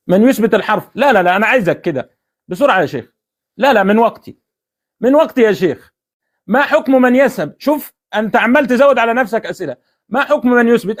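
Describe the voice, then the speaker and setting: Brief: Egyptian-accented man, high voice, rapid-fire, badgering his opponent. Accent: Egyptian Arabic. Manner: insistent, repeats his question, taunting. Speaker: debater. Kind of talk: heated religious debate.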